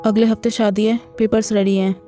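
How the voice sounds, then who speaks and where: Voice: mid-range voice, flat delivery, fairly quick, dark tone, pitched below the performer's own voice, lightly acted. A performer voicing a stern young male groom who speaks curtly and with irritation, over background music. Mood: annoyed.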